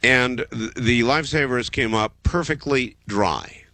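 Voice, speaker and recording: A man hosting a late-night call-in radio show, with a smooth, calm radio host delivery that slows down to stress repeated phrases. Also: medium pitch, no room sound. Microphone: studio broadcast microphone.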